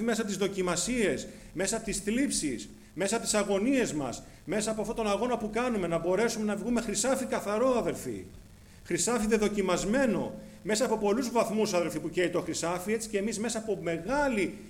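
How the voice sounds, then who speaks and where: High-voiced man preaching a sermon. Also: slight background noise. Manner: repeatedly addresses the congregation as brothers, emphatic and repetitive.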